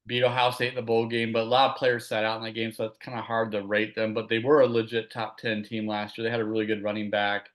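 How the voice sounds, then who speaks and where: A man's voice: on the low side, level tone, fast, hardly any pauses, fairly bright tone. A man hosting a casual sports talk show, easygoing as he moves the talk from topic to topic. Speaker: host.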